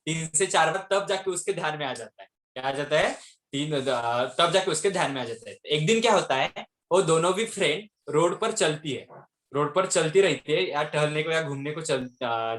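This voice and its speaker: Male teacher, slightly high pitch, call-and-response lecturing style, echoey room audio. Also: a bit bright. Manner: keeps quizzing students with repeated questions. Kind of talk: online class lecture.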